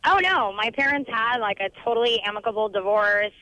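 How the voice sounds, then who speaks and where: Bright, babyish little-girl-voiced woman caller. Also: fairly high pitch, fairly quick. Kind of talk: casual chat. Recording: phone call to a radio show.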